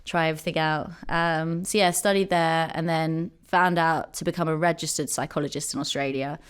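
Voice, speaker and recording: Low smooth-voiced woman, chatty guest. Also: fairly even intonation, normal speed. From Jersey, Channel Islands. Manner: chatty, many ums and likes. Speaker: podcast guest, company co-founder. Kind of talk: casual interview chat.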